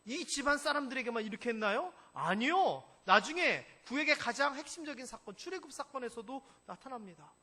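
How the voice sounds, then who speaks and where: Lively high-voiced male pastor. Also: a little fast, hardly any pauses. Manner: animated storytelling, asking the congregation questions. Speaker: senior pastor. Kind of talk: sermon. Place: church sanctuary. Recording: echoey church hall.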